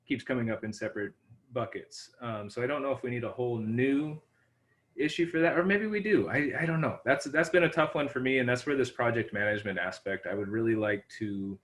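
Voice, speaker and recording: Low-voiced man running a meeting. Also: a bit bright. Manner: rambling, self-correcting. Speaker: meeting organizer. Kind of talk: casual meeting discussion. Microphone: video call.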